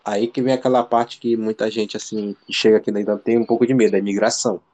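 A man's voice: on the low side, little pitch movement, quick pace, darkish tone, poor audio. A man from Brazil in casual interview chat, telling a story in a slangy, rambling way full of fillers and restarts. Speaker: interview guest. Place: living abroad in Ireland.

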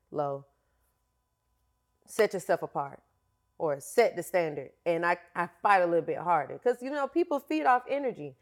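A woman fitness instructor telling her story in a candid, slangy, casual interview. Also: medium pitch.

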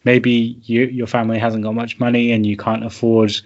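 A man's voice: medium pitch, level tone, normal speed, darkish tone. A man chatting casually and wryly about a film with friends, laughing as he talks. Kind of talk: casual chat. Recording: dull lo-fi recording.

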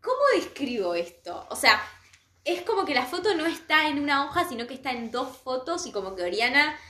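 Bright, high-voiced Rioplatense woman. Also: sing-song, a little fast. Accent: Rioplatense Spanish. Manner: gushing, exclamatory, laughs often. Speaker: podcast host. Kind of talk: casual chat. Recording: echoey room, faint noise.

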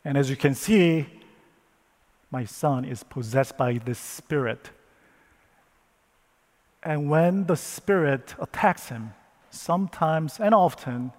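Brief: male preacher, unhurried and emotional, telling a Bible story as its father figure. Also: fairly high pitch, big-room sound. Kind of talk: first-person dramatic retelling of a Bible story.

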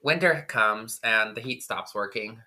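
Male podcast co-host, casual storyteller, bright tone, filler-heavy delivery. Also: on the low side, unhurried. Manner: rambling, lots of "like" fillers.

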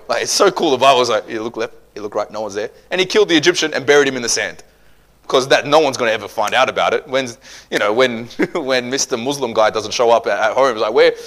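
A man preaching a sermon, animated and joking, swinging between loud bursts and quiet asides. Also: medium pitch.

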